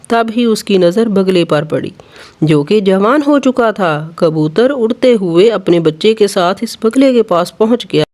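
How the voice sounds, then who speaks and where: Steady children's storyteller. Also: mid-range voice. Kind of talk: bedtime story narration for children.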